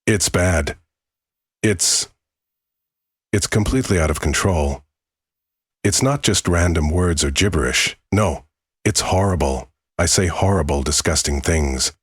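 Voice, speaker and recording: A man's voice: low voice, animated, a little slow, long pauses, husky, no echo, studio quality, heavily acted. A man voicing an embarrassed, pleading girlfriend in a horror story, speaking with hesitant, earnest warnings. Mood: distressed. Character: embarrassed, pleading young girlfriend confessing a frightening secret.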